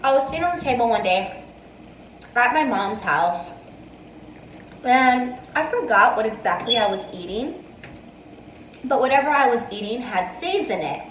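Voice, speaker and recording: A woman's voice: fairly high pitch, lively intonation, normal speed, long pauses, fairly bright tone, reverberant, recorded from a distance, slight background noise, rough recording. A woman in her twenties answering viewer questions between bites, casual and chatty. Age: 20s. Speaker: mukbang vlogger. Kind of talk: casual Q&A while eating. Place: dining room indoors. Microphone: earphone mic, phone in hand.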